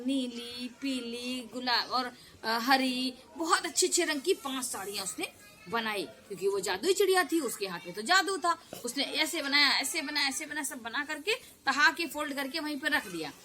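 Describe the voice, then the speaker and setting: A woman telling a children's folk tale in an animated way, with sound effects and acted voices. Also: high-pitched. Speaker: storyteller.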